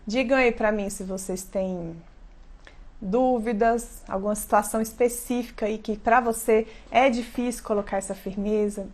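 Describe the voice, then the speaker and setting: High-voiced Brazilian mother giving parenting advice. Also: fairly even intonation, normal speed, a little mellow. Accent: Brazilian Portuguese. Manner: earnest, emphatic, often checks in with "né?". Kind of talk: live-stream talk to viewers.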